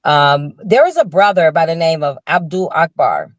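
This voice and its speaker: Low and animated, moving at a moderate pace, an older Chicago woman who owns a restaurant tells her story casually and earnestly as a video-call guest. She restarts frequently in this interview chat, and there's no echo.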